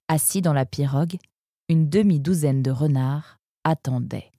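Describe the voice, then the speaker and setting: A woman narrating a children's adventure story, with a voice that sits a little low. She reads calmly and evenly, letting each sentence settle before the next. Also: very noisy. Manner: calm, measured storytelling.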